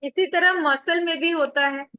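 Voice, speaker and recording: A woman's voice: very high voice, fairly even intonation, measured pace, sharp tone, no echo, highs cut off. A woman acupressure teacher giving an online revision lecture over a video call, explaining step by step with rhetorical questions and staying firm with her students.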